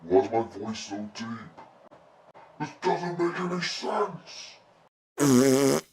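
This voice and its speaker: A male YouTuber whose voice is pitch-shifted deep and slowed, drawn out and exaggerated, recorded in an echoey room from far off. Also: expressive, a little mellow. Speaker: YouTuber host. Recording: echoey room, far from mic, faint hiss.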